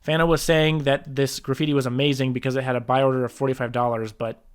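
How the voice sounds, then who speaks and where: A man's voice: medium pitch, little pitch movement, fast, smooth. Man defending himself, exasperated. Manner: defensive, exasperated rebuttal with frequent restarts. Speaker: streamer reacting to a video about himself. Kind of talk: reaction commentary.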